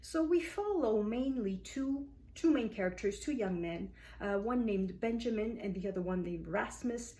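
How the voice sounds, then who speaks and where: A woman's voice: medium pitch, expressive, normal speed, hardly any pauses, mellow. A woman giving a casual, thoughtful book review on her vlog, explaining at length with frequent uh and um fillers. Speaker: book vlogger.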